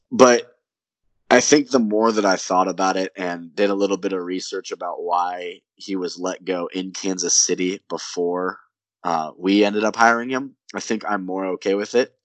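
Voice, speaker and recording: A man's voice: deep voice, moderate pace, no room sound. A young man co-hosting a sports podcast, chatting casually and rambling with lots of "like" and "um". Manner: relaxed, rambling with many likes and ums. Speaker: podcast co-host. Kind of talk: casual chat.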